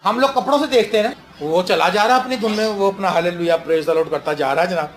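High-voiced fervent male pastor preaching. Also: slight background noise. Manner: fervent preaching that mixes stern warnings with joking stories. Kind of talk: sermon.

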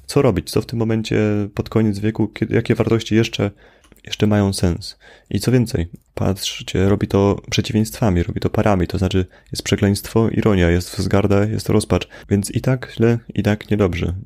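A man's voice: lowish voice, flat delivery, moderate pace, creaky, mellow. A young man casually explaining a poem in an informal literature lesson, hesitating often as he talks. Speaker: poetry explainer.

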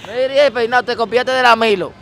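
A man's voice: very high voice, quick pace, vocal fry, fairly bright tone. A man with a Dominican accent, interviewing someone on the street in a playful, teasing way.

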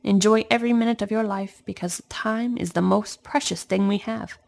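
A woman's voice: medium pitch, steady tone, normal speed, gravelly, natural voice. A woman reading as a kindly old man. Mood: gentle advice. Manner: gentle, advising, urging. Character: kindly old man, wise chess player. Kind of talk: children's storybook reading.

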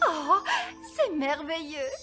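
Reine des fées coquette, très aiguë. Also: female voice, high voice, slow pace. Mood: self-satisfied. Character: vain, dramatic fairy queen, elegant and high-voiced. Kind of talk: dubbed children's cartoon acting. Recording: music behind the voice.

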